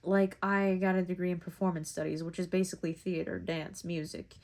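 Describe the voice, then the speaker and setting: A young woman in her early twenties talks to her phone camera in a loose, reflective vlog. Her voice sits a little low and sounds mellow and relaxed. She rambles, doubles back and fills gaps with "um" and "like". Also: brisk. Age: young adult. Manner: rambling and reflective, with many fillers. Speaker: vlogger. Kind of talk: casual talking-to-camera vlog.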